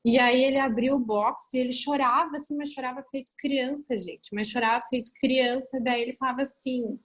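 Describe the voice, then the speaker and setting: A woman's voice: high-pitched, fairly even intonation, fairly quick, fairly bright tone. A woman in her thirties, a group mentor, telling a personal story with emotion, acting out dialogue and restarting when moved.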